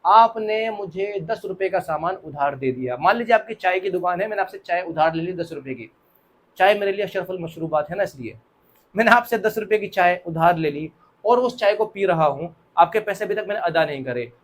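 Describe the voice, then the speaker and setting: A man's voice: high-pitched, a little fast. A male teacher explaining accounting terms to students, asking them questions and repeating key words, with playful examples. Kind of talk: classroom-style accounting lesson.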